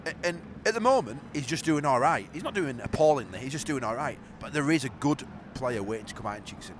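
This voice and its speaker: Male football podcast host, Yorkshire accent, quick and very animated, blunt casual banter, recorded outdoors with ambient noise. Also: mid-range voice. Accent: Yorkshire English. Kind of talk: casual banter and excitable live match commentary. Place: outdoors in the stands at a football match.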